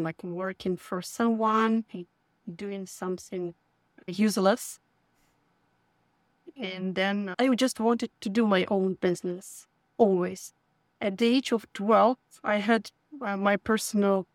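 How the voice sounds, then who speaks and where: A woman from Ukraine who learned the language later answers interview questions about her work. She speaks slowly and haltingly, with many fillers and restarts. Her voice is close and dry. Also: medium pitch, no echo. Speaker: guest, company founder.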